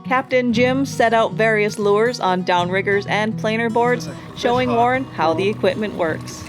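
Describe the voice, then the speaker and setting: Woman narrating over clear music. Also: fairly high pitch, moderate pace. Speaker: host narrator. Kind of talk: scripted documentary narration.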